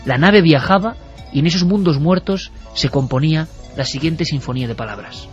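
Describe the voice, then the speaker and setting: A man with a somewhat high voice hosts a radio show, musing lyrically and speaking to his listeners. Faint music sits under a dull, muffled broadcast sound. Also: normal speed. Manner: reflective, lyrical, addresses listeners. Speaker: radio host.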